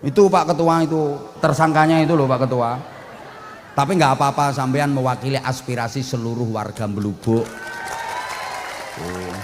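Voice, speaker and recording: A man's voice: mid-range voice, moderate pace, pauses often, big-room sound, a crowd in the background, noisy background. A man preaching a humorous sermon, blunt and joking, mixing in local dialect.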